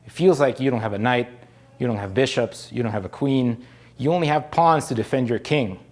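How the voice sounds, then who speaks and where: A man from Honduras, a general physician, speaking calmly and reflectively in a video testimonial. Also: mid-range voice, brisk.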